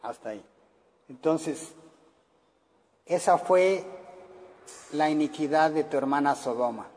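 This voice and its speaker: A man's voice: fairly high pitch, expressive, slow, darkish tone, in a large hall. A middle-aged man with a Mexican accent, preaching earnestly to parents, with many fillers. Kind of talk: sermon to parents.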